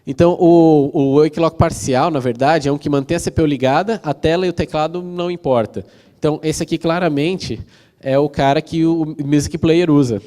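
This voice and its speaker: A Brazilian man presents at a tech conference in a relaxed, chatty way, often checking in with the audience. His voice is dark and mellow, at a middle pitch for a man. A long reverb from a large hall trails behind each phrase. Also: moderate pace. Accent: Brazilian Portuguese. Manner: explanatory, casual, frequent fillers and tag questions. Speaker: conference speaker. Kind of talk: technical conference talk.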